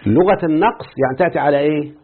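Husky-voiced Egyptian sheikh teaching grammar. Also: male voice, on the high side, very fast. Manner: quizzing students with repeated checks. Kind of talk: explaining a grammar text to students. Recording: tinny phone-like line.

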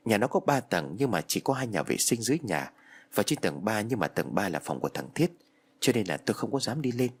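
A man narrating a first-person ghost story in a lively, dramatic storytelling manner. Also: on the low side, fairly quick, husky.

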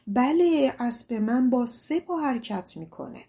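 A woman voicing a frightened young brother who answers in fear and shouts for help. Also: a little high, animated. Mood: fearful. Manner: fearful, raised voice.

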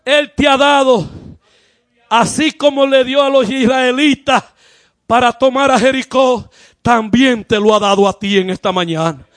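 A man preaching a fervent sermon as pastor, often shouting and repeating his calls to the congregation. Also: extremely high pitch, measured pace, dry recording, clean studio sound. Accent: Caribbean Spanish.

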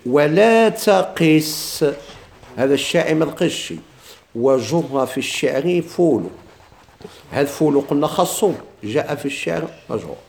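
In a classroom explanation of a grammar text, a man with a Moroccan Arabic accent asks and answers his own questions, repeating examples as he teaches Arabic grammar. His voice is a little high, expressive and darkish, with vocal fry, at normal speed, and there's slight background noise.

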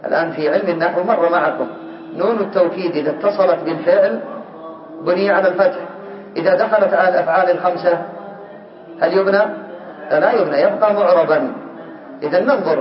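A male teacher giving a grammar lesson to a class, asking questions, calling on students by name and slowly repeating word forms. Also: high voice. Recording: echoey room, muffled lo-fi sound.

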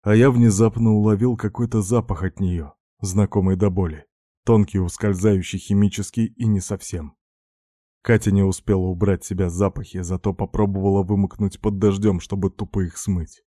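Low, dark-voiced male storyteller. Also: fairly even intonation, moderate pace, no echo, studio quality. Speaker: audiobook narrator. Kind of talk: first-person novel narration.

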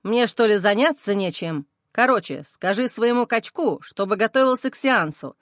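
A woman voicing a hostile, scornful young man in an audiobook, speaking lower and sneering. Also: expressive, normal speed, dry recording, studio quality, close to an everyday voice. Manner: sneering, snappish.

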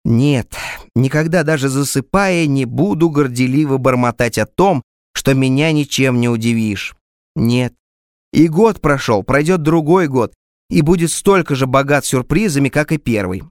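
A man reading a literary story aloud as an audiobook narrator, in a measured, wry first-person manner. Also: medium pitch, expressive, no echo, studio quality.

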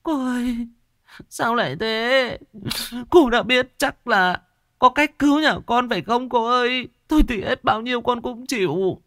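A man's voice: very high voice, unhurried, pushed and bright, no room sound, clean studio sound, voice pushed up, heavily acted. A man voicing a frightened older village wife who pleads tearfully. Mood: pleading.

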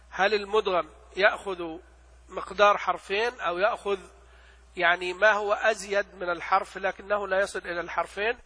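Guy teaching a lesson, high voice, asks n answers his own questions, lots of hall echo. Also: pushed and bright. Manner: explains by asking and answering his own questions, recites examples slowly. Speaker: religious teacher. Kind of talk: lecture explaining a classical text.

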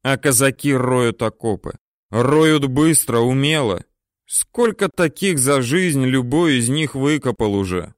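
A man narrating a war story audiobook in a steady, measured, terse manner. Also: medium pitch, no room sound, studio quality.

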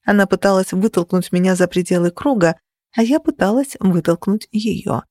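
Dry, expressive woman narrating an audiobook. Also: mid-range voice, moderate pace, no echo. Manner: expressive, dryly ironic. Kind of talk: first-person fantasy audiobook narration.

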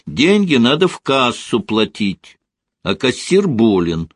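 A man's voice: medium pitch, sing-song, slow pace, breathy edge, no room sound, full character voice. Casting: a man doing a curt, scolding nurse in an audiobook, a woman with a stone face, dry close sound. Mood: stern. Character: stern stone-faced female maternity ward nurse.

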